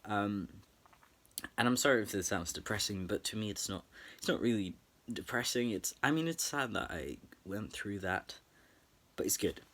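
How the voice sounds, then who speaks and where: A young man with a somewhat low voice, speaking softly and earnestly into his camera. He reflects slowly and haltingly, often pausing and restarting mid-thought. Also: lively intonation. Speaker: vlogger. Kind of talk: late-night personal reflection.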